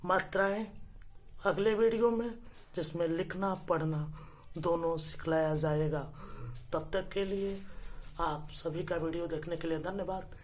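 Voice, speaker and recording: A woman teaching the alphabet to children, reciting each letter slowly and correcting mispronunciations, calling viewers her dear friends. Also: on the low side, darkish tone, a little hiss or hum. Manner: slow deliberate recitation of letters, correcting pronunciation.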